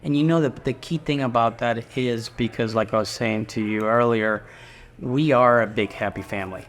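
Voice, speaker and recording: A middle-aged Guatemalan restaurant owner chats casually in an interview, rambling a little with fillers and restarts. He speaks in a mid-range voice at normal speed.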